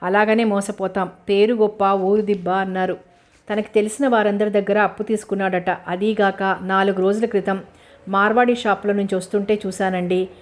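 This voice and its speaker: A woman's voice: medium pitch, flat delivery, moderate pace, close to an everyday voice. A woman voicing a spiteful, scheming middle-aged village man who talks in a gossiping, sneering way. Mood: insinuating.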